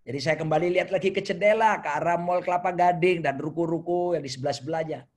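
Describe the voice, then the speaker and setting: Man, preacher, high voice, playful animated sermon, asks the audience questions, video call. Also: quick pace.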